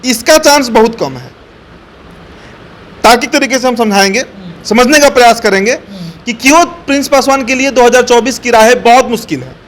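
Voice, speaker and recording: High-pitched man giving political commentary. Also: brisk, a bit bright. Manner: assertive, explains step by step with many fillers. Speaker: political analyst.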